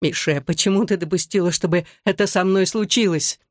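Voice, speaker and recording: A reader voicing the ghost of an older sister, speaking softly and hoarsely with pleading reproach, read as an audiobook. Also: mid-range voice, brisk, dry recording, clean studio sound, natural voice. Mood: anguished. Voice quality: soft, hoarse. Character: anguished ghost of an older sister, bleeding and desperate. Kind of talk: audiobook reading.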